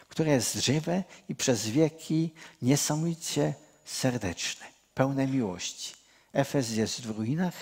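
A man's voice: mid-range voice, darkish tone. A man preaching a sermon from the area. He talks earnestly to the congregation, often restarts a phrase, and lifts his voice when stressing a point. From Czech Cieszyn region.

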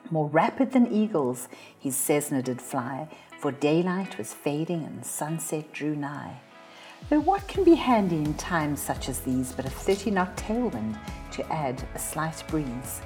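A woman reads a rhyming story aloud in a sing-song storytelling manner. Her voice sits fairly low but moves widely in pitch. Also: big pitch swings, measured pace, darkish tone, faint music behind. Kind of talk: reading a rhyming poem aloud.

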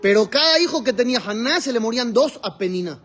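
High-voiced rabbi teaching a class. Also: male voice, lively intonation, fast talker, fairly bright tone, soft background music. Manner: asks the class questions and answers them himself; quotes Hebrew texts and explains them. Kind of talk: religious lesson to a live group.

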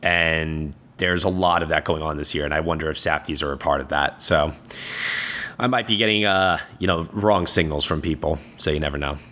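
A man's voice: very deep voice, moderate pace, pushed and bright, slight background noise. A man with a hungover voice hosting a podcast, casual and hesitant as he wraps up the show. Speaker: podcast host.

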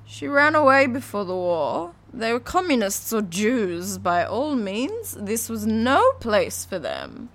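A woman's voice: a little high, sing-song, takes it slowly, few pauses, heavily acted. A woman reading the part of a snobbish, proud, senile old woman in an audiobook, with a scornful, boastful manner. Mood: haughty, scornful.

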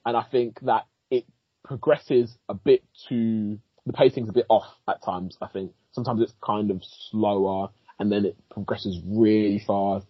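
A man co-hosting a podcast, giving a casual film review, animated, swearing freely and laughing often. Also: lowish voice, normal speed, husky, no echo, dull audio. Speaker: podcast co-host, film critic.

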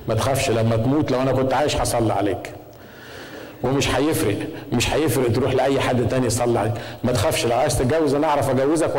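A man's voice: mid-range voice, a little mellow, in a large hall, poor audio. A middle-aged man with an Egyptian accent preaching a sermon as pastor, conversational and often asking the congregation questions. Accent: Egyptian Arabic. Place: church.

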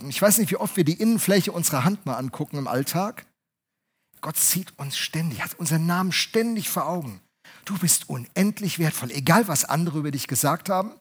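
A man delivers a sermon in a slightly raised, husky voice. He addresses his congregation head-on, pressing some phrases loudly and letting others fall to a soft hush. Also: a little high. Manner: emphatic, swings between loud urging and hushed soft phrases; speaks directly to the congregation. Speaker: preacher.

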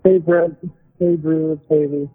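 A male caller comes through a thin, tinny phone line that sounds muffled and keeps breaking up. His voice sits a little high, and he talks in halting bits, checking whether anyone can hear him. The dropping call quality is heard over everything he says. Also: little pitch movement. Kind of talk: casual call-in chat.

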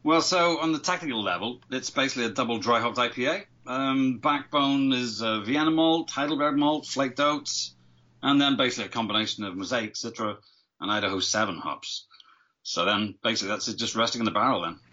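A man's voice: mid-range voice, a little fast, sharp tone, highs cut off. A man from Northern Ireland, a brewmaster, explaining his beer and food in a friendly, matter-of-fact way. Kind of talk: casual chat.

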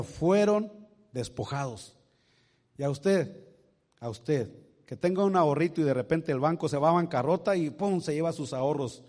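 A male pastor preaching a sermon, swinging from quiet asides to loud exclamations and asking his congregation rhetorical questions. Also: medium pitch. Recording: long reverb of a large hall.

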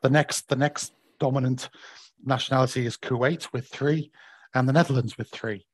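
A man with a croaky, hoarse, still-recovering voice, explaining things haltingly as a company director being interviewed. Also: mid-range voice, steady tone, no echo. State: voice recovering from bruised vocal cords. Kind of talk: conversational market update interview.

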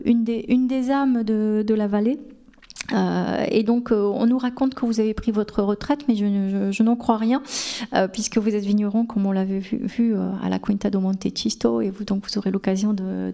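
A woman's voice: mid-range voice, vocal fry, dark tone. A woman moderating a conference panel, introducing speakers in a hesitant way with many fillers and restarts. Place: conference hall.

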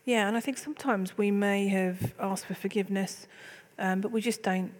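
A woman's voice: mid-range voice, fairly even intonation, moderate pace. Chatty woman hosting a faith talk. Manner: chatty, candid storytelling. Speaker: church leader and host. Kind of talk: casual faith discussion.

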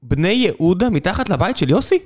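A man co-host with a fairly high, lively voice that swoops up and down. He needles his co-hosts with quick, teasing questions in a casual sports chat. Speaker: podcast co-host.

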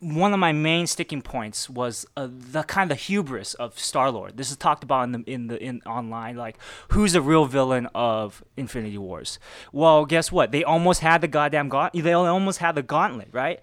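A man's voice: mid-range voice, normal speed, a bit bright. A young man arguing his side of a film debate in a casual, rambling way, swearing freely and acting out his reactions. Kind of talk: animated casual debate talk.

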